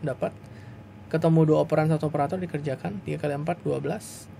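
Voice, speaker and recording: Patient lecturer, slightly high voice. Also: male voice, steady tone, quick pace, creaky, mellow, a little hiss or hum. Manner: patient, repeats points with frequent "ya" and "eh" fillers. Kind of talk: recorded lecture explaining to students.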